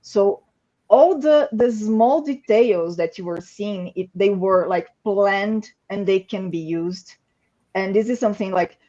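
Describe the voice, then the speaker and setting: Excitable woman on a livestream panel, says like a lot, kinda dull lo-fi sound. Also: medium pitch. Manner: excitable, many "like" fillers. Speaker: game company staff member.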